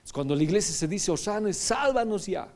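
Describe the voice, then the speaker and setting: Pastor preaching in a mellow voice. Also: male voice, fairly high pitch, very fast. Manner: teaching, often checking in with "¿ya?". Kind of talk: sermon.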